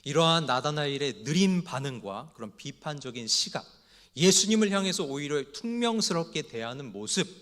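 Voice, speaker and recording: A man's voice: on the high side, animated, moderate pace, fairly bright tone. A male pastor preaching an evening worship sermon and telling humorous anecdotes along the way. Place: church sanctuary. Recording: long hall reverb.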